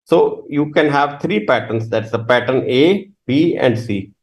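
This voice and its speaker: A man giving a medical lecture in a webinar, pausing with fillers and correcting himself as he goes. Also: mid-range voice, expressive, low-quality recording. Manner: hesitant, with fillers and self-corrections. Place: webinar, speaking from his own room.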